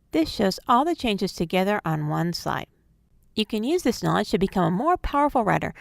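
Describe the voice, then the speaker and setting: A woman giving a scripted phonics lesson, speaking in a clear, measured teaching manner. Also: mid-range voice, dry recording, studio quality. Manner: clear, measured instructional delivery.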